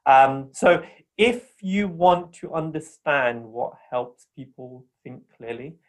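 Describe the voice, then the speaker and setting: A man hosting a podcast, introducing his guest and asking questions in an upbeat, energetic way. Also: a little high, slow pace. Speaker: podcast host. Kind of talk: interview hosting.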